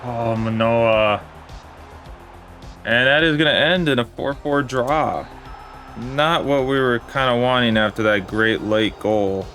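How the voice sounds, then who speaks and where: A young man giving casual play-by-play commentary on a football video game match, in a plain, steady way that turns let down when his side concedes. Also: medium pitch, slow, soft background music. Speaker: gaming commentator.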